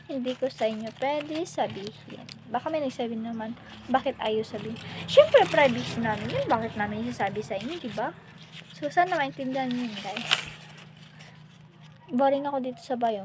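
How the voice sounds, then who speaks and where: A woman's voice: fairly high pitch, background noise. A young woman talking casually and emotionally to her vlog viewers, rambling with many fillers. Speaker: vlogger. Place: home, hot and alone.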